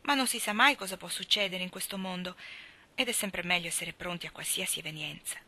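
A woman's voice: on the low side, bright, forceful tone, slight background noise. Woman reading as a stern, sensible older guardian. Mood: stern, practical. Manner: dry, firm, measured.

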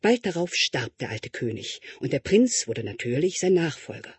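A man reading his own story aloud as narrator, calm and ironic. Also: a little high, moderate pace, slightly rough, no echo.

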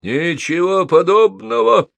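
A man voicing a vain, cowardly young wizard who shouts orders, in a storybook reading. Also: medium pitch, lively intonation, moderate pace, no echo, close to an everyday voice. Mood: shouting. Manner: shouting, commanding.

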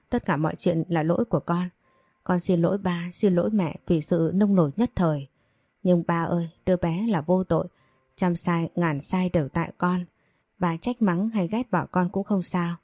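A woman's voice: lowish voice, steady tone, moderate pace, mellow, dry recording, studio quality. A woman reading the lines of a frightened, remorseful young woman in a storybook narration, pleading and tearful.

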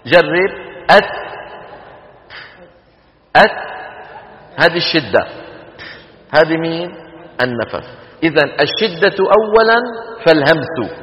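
Guy teaching tajweed, bit high voice, echoey dull hall audio. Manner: explains slowly, drills students to repeat sounds. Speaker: Quran recitation teacher. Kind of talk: classroom lecture on tajweed. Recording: dull lecture hall recording.

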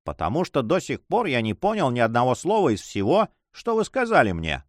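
A man voicing a haughty, cold and impatient male nobleman in an audiobook reading, pitched higher than his narration. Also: wildly swooping pitch, fairly quick, dry recording, studio quality.

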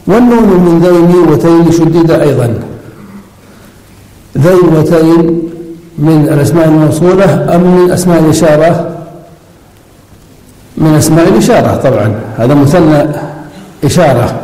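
A man's voice: a little high, mellow. A male scholar teaching classical grammar, explaining verse by verse and asking the class questions. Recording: echoey hall with long reverb.

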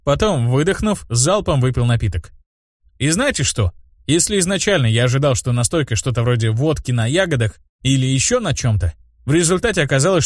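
A male narrator reads a first-person fantasy audiobook. His delivery is lively and expressive, with pitch that moves widely. The sound is dry and close, with no room around it. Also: dry recording.

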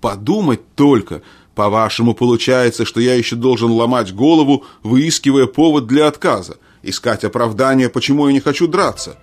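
A man's voice: mid-range voice, normal speed, natural voice. A man voicing a proud, angry middle-aged king in a storybook reading, blustering and scornful.

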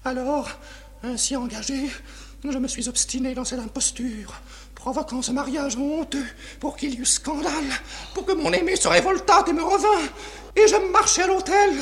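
A woman's voice: sits high, a little hiss or hum. An actress playing a proud, passionate, anguished noblewoman, declaimed in formal 1950s French radio tragedy style. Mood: rising anguish. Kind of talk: 1950s French theatrical radio drama acting.

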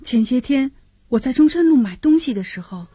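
An actress playing a protective, anxious young wife and mother who fusses and gently scolds. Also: sits high, animated, a little fast, breathy edge, no echo, heavily acted. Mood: fretful, homely. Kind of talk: radio drama acting.

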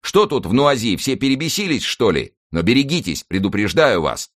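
A man's voice: fairly low pitch, sing-song, moderate pace, a bit bright, pitched above the performer's own voice. A man reading aloud and voicing a brash young musketeer officer, cocky and defiant.

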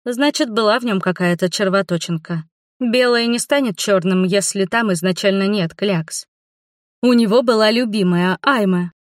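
A woman reading a first-person audiobook with a wry, ironic edge. Her voice is medium in pitch and the recording is dry and close. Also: moderate pace, no room sound. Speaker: audiobook narrator.

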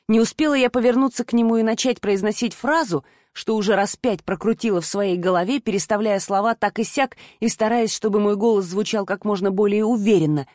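A woman's voice: medium pitch, a little mellow, no echo. Woman narrating a novel, dry and close. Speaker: audiobook narrator. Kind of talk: first-person novel narration.

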